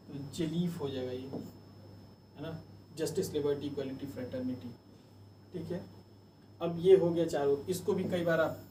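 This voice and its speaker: A man's voice: a little high, far from the mic, background noise. Man drilling mnemonics in a roomy lecture. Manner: chatty, repetitive drilling of mnemonics. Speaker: teacher. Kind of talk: exam coaching lecture.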